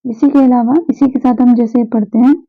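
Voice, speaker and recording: A woman's voice: a little high, fairly even intonation, fairly quick. A woman teacher explaining pronunciation patiently, repeating sounds and answering her own questions. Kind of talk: Hindi pronunciation lesson. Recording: tinny phone-like recording.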